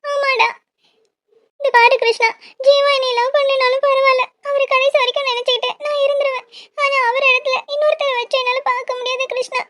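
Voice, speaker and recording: A performer doing a squeaky tearful cartoon sister. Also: level tone, brisk, pushed and bright. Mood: upset. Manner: pleading, distressed. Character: young woman, a tearful lovesick younger sister. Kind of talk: cartoon voice acting.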